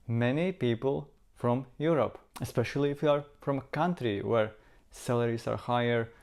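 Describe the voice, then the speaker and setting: Here a man from Latvia chats to camera about his travels, his Latvian accent clear in a medium-pitched, slightly mellow voice. He comes across as earnest and reflective and repeats words for emphasis.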